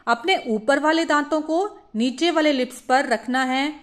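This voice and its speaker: A woman teaching a phonics lesson for parents, demonstrating each letter sound slowly. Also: high-pitched.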